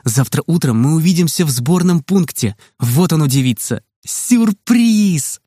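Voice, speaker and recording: A man's voice: fairly high pitch, moderate pace, warm tone, slightly rough, no echo, clean studio sound. Man reading a children's story. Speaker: narrator. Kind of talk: scripted storybook narration.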